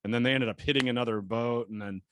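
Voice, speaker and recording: An American man, a sailor guest on a podcast, telling stories in an animated, casual way with laughs and the odd swear word. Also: medium pitch, quick pace, no room sound. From United States. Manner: animated storyteller, laughs often, relaxed swearing. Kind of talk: casual chat.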